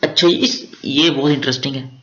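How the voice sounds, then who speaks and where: A teacher with a Pakistani Urdu accent tinged with Punjabi gives a chatty, step-by-step grammar lecture for exam prep, throwing in joking asides. His medium-pitched voice is steady, brisk and fairly bright, captured in a roomy, dull lo-fi recording.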